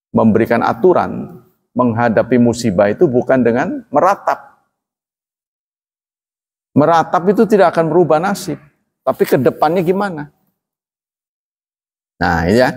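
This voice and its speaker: A man's voice: mid-range voice, gravelly. A man with an Indonesian accent preaching a sermon in a conversational, joking way, full of rhetorical questions. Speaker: Islamic preacher. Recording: echoey hall with long reverb.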